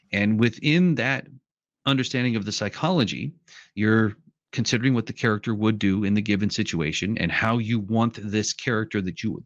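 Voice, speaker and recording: A man's voice: fairly low pitch, no echo, lo-fi sound. A man in casual conversation, explaining at length and acting out quoted voices as he tells stories. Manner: animated storyteller who acts out quotes. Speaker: podcast guest.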